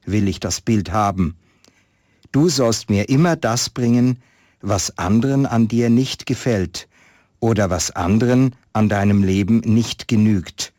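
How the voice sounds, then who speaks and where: A man voicing the holy infant in a manger, speaking gently and earnestly in a read-aloud Christmas story. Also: on the low side, unhurried, no room sound, studio quality, natural voice.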